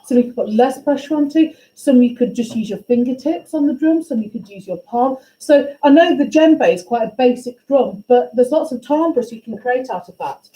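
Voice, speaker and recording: A woman teaching a music class, questioning and encouraging her students in a brisk way. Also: high voice, lively intonation, mellow. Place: school classroom. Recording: echoey classroom, faint ambience.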